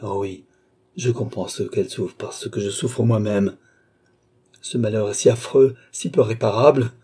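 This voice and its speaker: A man's voice: lowish voice, steady tone, unhurried, mellow, slightly rough. A man voicing a grieving, hot-tempered young nobleman in an audiobook, with agitated, broken outbursts. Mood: distraught.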